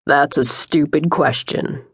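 A woman voicing a dismissive, irritable middle-aged husband, gruff and curt, in an audiobook. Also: low voice, slow, dry recording, studio quality, voice pushed down, heavily acted.

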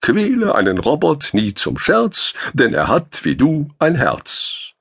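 A man's voice: lowish voice, sing-song, normal speed, creaky, slightly rough, dry recording, studio quality, pitched above the performer's own voice, heavily acted. A man voicing a lanky young male spacer who talks in ironic, mock-solemn quips, raised well above his own voice. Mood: wry joking.

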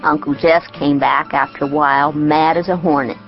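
A woman's voice: low-pitched, steady tone, moderate pace, highs cut off, soft background music. A woman voicing a plainspoken ten-year-old country girl, telling her story in audiobook style with artless, rustic grammar. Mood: matter-of-fact. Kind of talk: first-person audiobook character narration.

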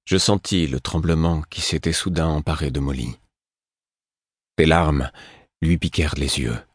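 A man reads a fantasy novel aloud in measured first-person narration. His voice is very deep and husky. It sits close to a studio mic, with a dry sound. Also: dry recording. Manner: measured, even storytelling. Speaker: audiobook narrator.

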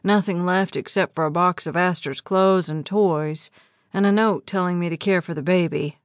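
A woman reads the part of a worried man, a father caught off guard, his husky voice pitched low and pressed with urgency. It is an audiobook character voice. The sound is dry and close with no room at all. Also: steady tone, moderate pace, dry recording, lightly acted. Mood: urgent.

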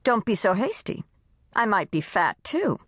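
A woman's voice: mid-range voice, big pitch swings, unhurried, fairly bright tone, no room sound, clean studio sound, pitched above the performer's own voice. Woman doing a wisecracking pregnant housewife. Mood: teasing. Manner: wisecracking, teasing. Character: witty nervous pregnant American housewife.

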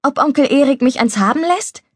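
A woman's voice: high voice, lively intonation, fairly quick, no echo, pitched above the performer's own voice. A woman voicing a stubborn young girl who wheedles and insists, in a storybook reading. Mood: pleading. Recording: dry studio recording.

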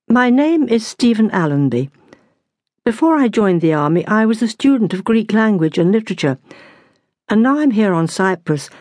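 A woman's voice: mid-range voice, darkish tone, dry recording, studio quality. A woman reading the part of a polite, eager young British army officer in an audiobook, her own voice barely changed. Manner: courteous, formal.

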